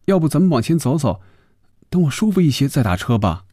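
A brisk young professional woman, put on by a male storyteller in a radio audiobook. Her tart, quick lines jump high and swing widely in pitch. The sound is dry and close. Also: sing-song, warm tone, no echo. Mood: complaining. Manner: quick, tart, rises high when indignant.

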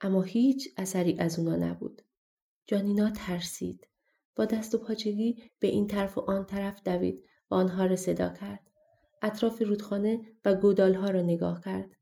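A woman narrating a fairy-tale audiobook in a steady, even storytelling manner. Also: mid-range voice, vocal fry.

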